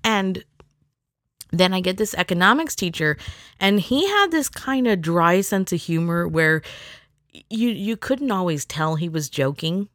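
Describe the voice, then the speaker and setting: A woman's voice: fairly low pitch, animated, measured pace, a bit bright, no echo, studio quality. A middle-aged woman telling a rambling personal story in a chatty, casual way, acting out the people she quotes.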